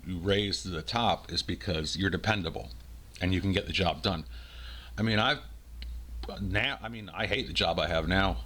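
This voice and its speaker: Deep-voiced, aggrieved man in his forties. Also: bright, forceful tone. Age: 40s. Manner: aggrieved, exasperated complaining. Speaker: career chef. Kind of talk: first-person rant to the listener.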